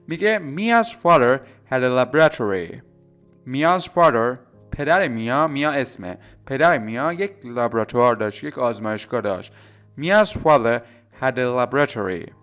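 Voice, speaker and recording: A man teaching English vocabulary. He reads the English examples slowly and carefully, then explains them quickly. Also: medium pitch, fairly bright tone. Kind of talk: vocabulary lesson with translation.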